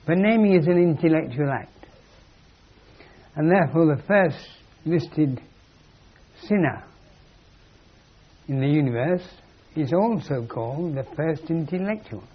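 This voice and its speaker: A man's voice: on the high side, lively intonation, unhurried, pauses often, breathy edge. A man giving a philosophical lecture in a wry, emphatic way, on a dull lo-fi recording. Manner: wry, emphatic, acts out quoted voices.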